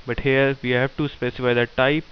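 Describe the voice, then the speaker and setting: A man teaching programming in a screen-recorded tutorial, dictating code in short halting phrases. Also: mid-range voice, little pitch movement, clean tone. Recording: dull lo-fi sound with faint hiss.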